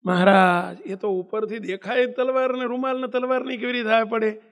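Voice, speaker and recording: A man's voice: extremely high pitch, steady tone, moderate pace. A male preacher, giving a devotional sermon and telling a story, full of emphatic rhetorical questions and pleading repetition. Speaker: religious preacher.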